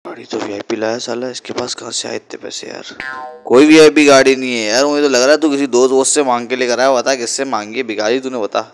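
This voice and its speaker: A man's voice: medium pitch, fairly even intonation, quick pace, faint music behind, lightly acted. A man voicing a brash, foul-mouthed male gangster who swaggers and insults in an amateur game dub. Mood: scornful. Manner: swaggering, insulting, panics into yelling while racing.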